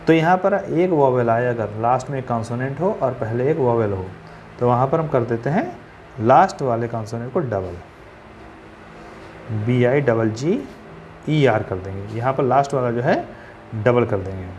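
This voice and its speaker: A man's voice: medium pitch, animated, normal speed, darkish tone, lo-fi sound, slight background noise. A man teaching a grammar lesson. He asks questions and answers them himself, and he spells words out letter by letter.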